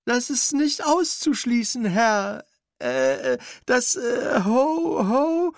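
A narrator putting on the voice of a fussy, servile old manservant in a radio play, talking high and quick. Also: male voice, big pitch swings, no room sound, exaggerated voice. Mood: flustered. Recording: dry studio recording.

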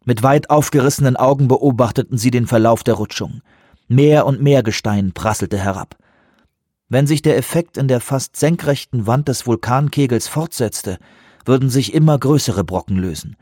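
A man narrating an audiobook in a measured, even way. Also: medium pitch, no echo, clean studio sound. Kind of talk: scripted narration.

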